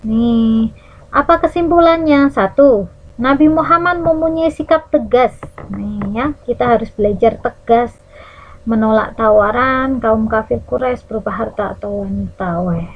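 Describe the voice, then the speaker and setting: A woman with an Indonesian accent teaches recitation rules in a bright, fairly high voice, pausing to sing out Arabic words slowly as examples. Her teacherly tone keeps checking in with the class. The recording sounds a bit dull and lo-fi. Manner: lively teacherly, checks in with "ya" and "nah". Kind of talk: Quran recitation rules lesson for children.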